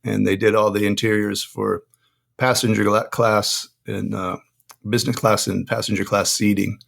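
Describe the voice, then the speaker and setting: A man from Utah, a podcast guest, explaining things in a relaxed way with many filler words. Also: on the low side, moderate pace, vocal fry. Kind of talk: casual interview chat.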